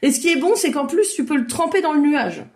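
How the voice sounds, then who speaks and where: A high-pitched woman runs a children's drawing lesson over a video call. She mixes step-by-step instructions with playful make-believe, praising each child warmly as she goes. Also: fast talker. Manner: lively, encouraging, make-believe narration. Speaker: children's drawing workshop leader.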